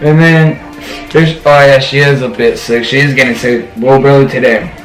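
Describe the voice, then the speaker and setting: A man's voice: medium pitch, fairly even intonation, normal speed, fairly bright tone. A man hosting a challenge vlog with casual, goading banter. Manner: cocky, goading. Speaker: host of an eating challenge video. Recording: echoey room with music.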